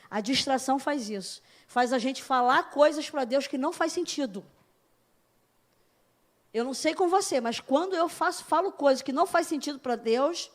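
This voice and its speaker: A woman giving a chatty, animated sermon, often checking in with her listeners and swinging between loud emphasis and soft, drawn-out words. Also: high voice. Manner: chatty and animated, keeps asking "né?" to the congregation. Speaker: preacher. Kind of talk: conversational sermon.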